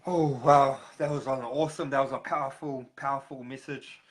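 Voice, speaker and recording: A man with a broad New Zealand accent hosts a casual live stream. His delivery is halting, with pauses breaking up his sentences as he addresses viewers and guests. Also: medium pitch, fairly even intonation. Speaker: host of a recovery live stream.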